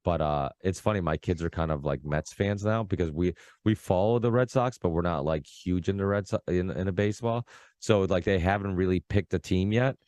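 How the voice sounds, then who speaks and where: Deep rambling man from Massachusetts. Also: a little fast, no echo. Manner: rambling, excitable, many fillers and restarts. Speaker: podcast host. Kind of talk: casual chat.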